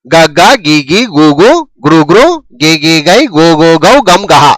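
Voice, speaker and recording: A man with a high voice teaches a lesson, sounding out each syllable patiently and pausing to ask if the class is following. His recording is dry and close, with no room sound. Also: a bit bright, no room sound, poor audio. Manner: patient, repetitive drilling, frequent "okay?" checks. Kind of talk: Telugu alphabet lesson, reciting syllables.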